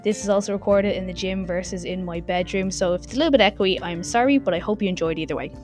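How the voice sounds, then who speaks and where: A woman's voice: mid-range voice, fast, over music. A woman podcast host talking casually and informally in an open gym with a slightly echoey sound, rambling and correcting herself as she goes. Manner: informal, rambling and self-interrupting. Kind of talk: casual solo podcast talk.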